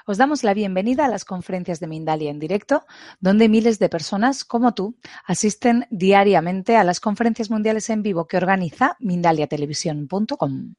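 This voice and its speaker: A woman's voice: mid-range voice, a little mellow, no echo, clean studio sound. A woman with a Spain accent presenting a scripted introduction to an online conference.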